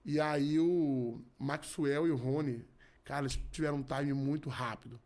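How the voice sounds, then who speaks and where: A man's voice: fairly high pitch, fairly even intonation, moderate pace, a little mellow. A man in his thirties, a podcast guest giving an earnest personal testimony in casual chat, often restarting and repeating his words. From Rio de Janeiro. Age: 30s. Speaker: podcast guest, gospel musician.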